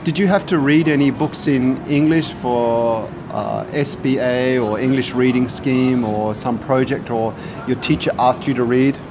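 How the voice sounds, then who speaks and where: A man's voice: medium pitch, fairly even intonation, measured pace, noisy background. A man working as an interviewer, asking conversational questions patiently and putting them in simple words.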